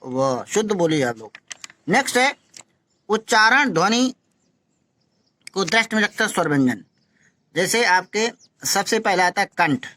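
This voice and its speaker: A male teacher giving a phonetics lesson, who slowly demonstrates each sound, repeats syllables and urges his students to practise. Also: high voice, pushed and bright, no room sound.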